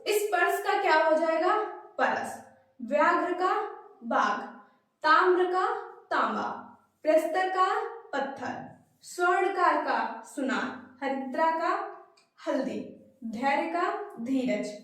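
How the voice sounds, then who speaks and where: A woman teacher with a high voice speaks slowly and deliberately as she drills word pairs, repeating each one patiently. She is recorded from a distance, so her voice rings with a strong echo from the room. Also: expressive, fairly bright tone. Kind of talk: Hindi grammar lesson for exam prep.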